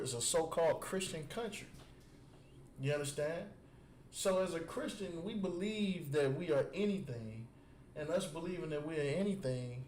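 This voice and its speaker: A man preaches in an emphatic, repetitive style and keeps checking whether his listeners follow. His voice sits somewhat high. The recording rings with echo, with a faint hiss of noise underneath. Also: a little mellow. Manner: keeps asking "You understand?" after nearly every point; emphatic, repeats words while building a point. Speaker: religious teacher. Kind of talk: street preaching with call and response. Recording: echoey space with faint background noise.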